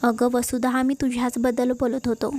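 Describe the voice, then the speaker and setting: A woman voicing a kind old grandmother who heads the family and talks gently with mild teasing. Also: fairly high pitch, little pitch movement, brisk, close to an everyday voice. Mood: affectionate. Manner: gentle, affectionate, mildly teasing.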